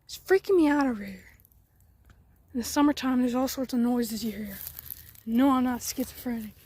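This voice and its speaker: Out in the woods next to an old truck, the host of a garage channel films a casual walkaround vlog. Her voice sits on the high side with a darkish, breathy-edged tone at normal speed, and she rambles chattily, now and then sinking to near-whispers.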